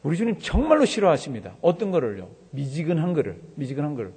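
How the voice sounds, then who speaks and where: A man's voice: on the high side, big pitch swings, quick pace, a little mellow, husky, big-room sound. A male pastor preaching a sermon, asking the congregation questions and leading them through the scripture reading.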